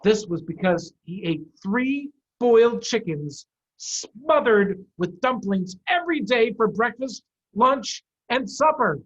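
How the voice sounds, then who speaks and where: A middle-aged American head of school hosts an online story time, reading aloud to young children in an animated, emphatic way with dramatic pauses. His husky voice sits high, and the video call recording sounds dull and muffled.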